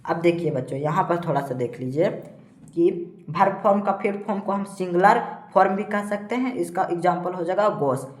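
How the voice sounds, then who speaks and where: Low-voiced woman teaching in an echoey room. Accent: Bihari Hindi. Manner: reads word lists aloud slowly, adds frequent "theek hai". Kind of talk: classroom lesson.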